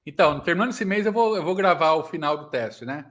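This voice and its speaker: A man's voice: fairly high pitch, expressive, fast, a bit bright. A man with a Brazilian Portuguese accent, a guest YouTuber on a live stream, talking in an earnest, encouraging way. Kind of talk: casual live-stream interview.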